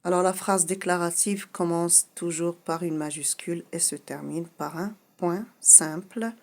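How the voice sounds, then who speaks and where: Slow, low-voiced woman teaching French. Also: fairly even intonation. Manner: patient, repeats key points, says "voilà" often. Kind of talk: slow explanatory lesson.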